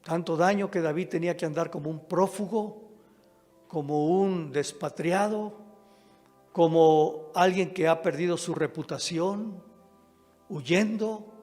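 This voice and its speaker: A pastor in a high register delivers a deliberate, unhurried sermon, dropping in amens and repeating words for emphasis. His voice rings through a reverberant sanctuary at a live-streamed service, with soft music faintly underneath.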